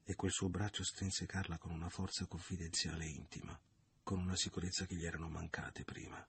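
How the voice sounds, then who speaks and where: A man narrating a novel in a measured, literary audiobook reading. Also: deep voice, level tone, a bit bright, husky.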